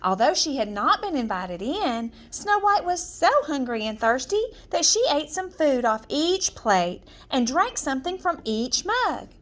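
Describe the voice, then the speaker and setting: With a high, animated voice that rises and falls, a woman reads a fairy tale for children. Her unhurried delivery gives every section careful phrasing and theatrical flair.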